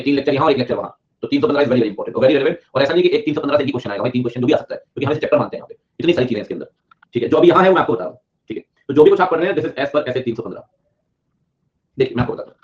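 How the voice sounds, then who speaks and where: Fast-talking man teaching a class. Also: medium pitch. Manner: chatty Hindi-English teaching, repeats key points, jokes with students. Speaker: CA exam teacher. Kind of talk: live online class lecture. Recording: dull lo-fi audio.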